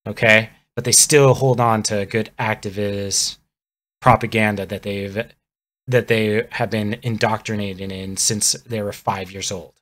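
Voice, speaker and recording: A man's voice: on the low side, steady tone, a little slow, fairly bright tone. A man on a live stream, ranting about politics in a heated, sarcastic way. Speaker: livestreamer.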